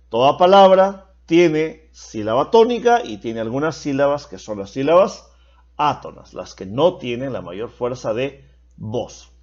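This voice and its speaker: A man with a fairly high, animated voice gives a slow, patient lesson, repeating key points so students follow. The recording sounds dull and lo-fi. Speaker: teacher.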